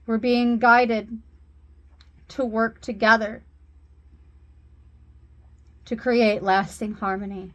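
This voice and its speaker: Slow, earnest woman reading oracle cards. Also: on the high side, little pitch movement, fairly bright tone. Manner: slow, earnest, reassuring delivery. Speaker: spiritual reader and healer.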